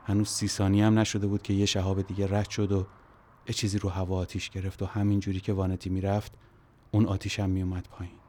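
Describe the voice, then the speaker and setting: A man narrates a first-person story in a low voice. His pacing is measured and quietly brooding, with a faint hiss beneath him. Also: completely flat delivery.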